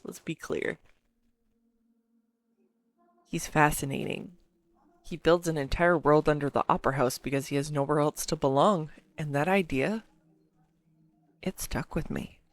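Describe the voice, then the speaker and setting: In this scripted roleplay, an amateur voice actress plays a devoted, neurodivergent geek girlfriend, earnestly and absorbedly info-dumping about her favourite movie straight to the listener. Her deep-ish voice is enthusiastic but halting, intimate in address, with no room sound.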